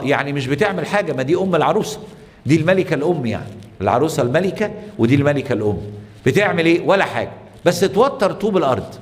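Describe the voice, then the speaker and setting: A man's voice: a little high, long reverb tail. A man with an Egyptian Arabic accent, a priest preaching a sermon, telling stories and putting rhetorical questions to the congregation.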